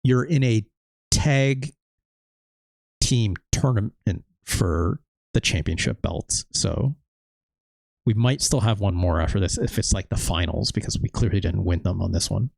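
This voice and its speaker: A man's voice: lowish voice, a little slow, vocal fry, a little mellow, dry recording, clean studio sound. A man casually commenting while playing a video game, with wry, sarcastic asides. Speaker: let's play host.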